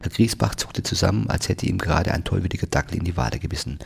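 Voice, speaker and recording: A man reading a novel aloud in wry, measured scripted narration. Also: low-pitched, creaky, husky. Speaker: audiobook narrator.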